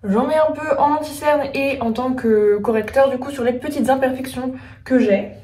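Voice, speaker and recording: Here a woman with a high-sitting, dark-toned voice talks at normal speed while doing her makeup for a casual tutorial. She's a beauty vlogger who thinks out loud, chatting away with plenty of hesitant "euh"s. Her voice is somewhat far from the microphone in an echoey room.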